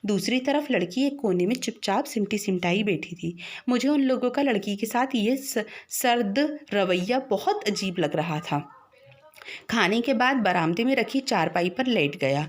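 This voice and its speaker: A woman's voice: expressive, unhurried. A woman teacher reading a short story aloud to her students, raising her voice for the characters' lines. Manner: acts out the characters' lines with raised pitch.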